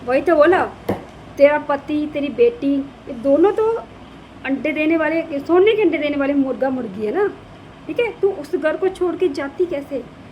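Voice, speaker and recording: A woman with a high voice delivers heated reaction commentary. She scolds and mocks, and she circles back on her own phrases to drive them home. Faint noise sits under the recording. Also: expressive, moderate pace, dull audio. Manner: scolding, sarcastic, repeats phrases. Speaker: reaction video creator.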